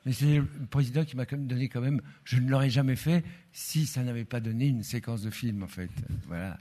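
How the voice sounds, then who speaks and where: Mellow, husky man explaining casually. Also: mid-range voice, a little fast. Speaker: film team member answering. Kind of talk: press conference answer, casual.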